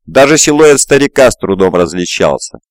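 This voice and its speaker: Male audiobook narrator, low voice, dry close home recording, steady reading. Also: normal speed, dry recording. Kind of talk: scripted fantasy narration. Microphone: close mic, home recording.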